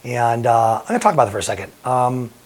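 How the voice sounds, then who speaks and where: A middle-aged man speaks at an ordinary pitch, recounting a personal story straight to the camera. He talks earnestly and lets his emotion show. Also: expressive, fast talker. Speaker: bodybuilding promoter and firefighter.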